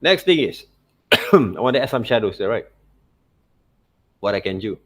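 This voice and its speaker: A man with a fairly low, husky, sing-song voice teaches digital illustration at a slightly slow pace. The software demo is informal, and he reasons aloud, often checking in with "okay" and "right."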